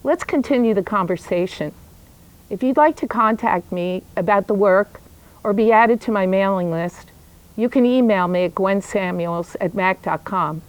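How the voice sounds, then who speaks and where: A woman's voice: medium pitch, normal speed, rough recording. An older woman talking informally to camera outdoors in a backyard, addressing viewers in a chatty, welcoming way as an artist presenting work. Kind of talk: informal video talk to camera about own artwork.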